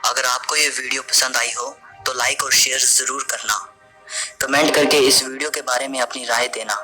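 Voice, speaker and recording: A man reading a scripted voice-over for a facts video, counting down items in a steady, explanatory way. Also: medium pitch, moderate pace, over loud music, rough recording. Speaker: video narrator.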